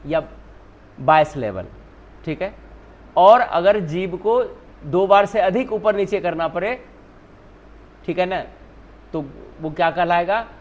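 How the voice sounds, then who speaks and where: A male teacher whose first language is Hindi, explaining spelling rules step by step, often asking and then answering his own questions. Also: sits high. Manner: repeats "ठीक है ना", asks and answers own questions.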